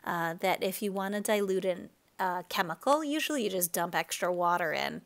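A woman chemistry teacher giving a relaxed recorded lecture, explaining with fillers and self-corrections. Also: lowish voice, normal speed.

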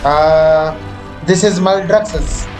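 A man's voice: on the high side, takes it slowly, music in the background, rough recording. A man chatting casually with a friend during co-op gameplay. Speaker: gamer.

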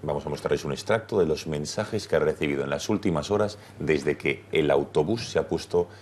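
A man's voice: extremely low pitch, fairly quick, a little mellow, a little hiss or hum. A man, a television host presenting a debate show in a studio.

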